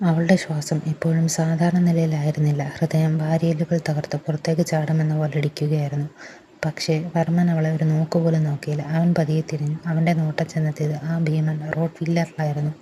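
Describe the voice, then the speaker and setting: A woman reading a dramatic romance story aloud as a storyteller, in a steady, measured way. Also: low voice, slight background noise. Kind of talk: scripted dramatic narration.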